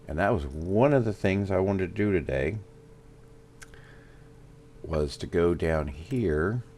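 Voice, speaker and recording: A man with a Southern US accent giving casual gameplay commentary, thinking aloud with fillers and pauses. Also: deep voice, a little mellow, slight background noise. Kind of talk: casual let's-play commentary.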